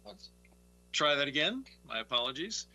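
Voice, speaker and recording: A man interviewing for a launch broadcast, conversational, phrasing his questions in a halting way. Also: on the high side, big pitch swings, bright, forceful tone. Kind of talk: live interview over a space link.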